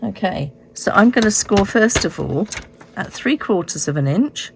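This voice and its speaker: A middle-aged woman with a hoarse, croaky frog voice, recovering from illness, explaining a craft step by step in a casual, unhurried way. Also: mid-range voice, lively intonation, background noise. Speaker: host of a card-making tutorial. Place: indoors at a craft desk.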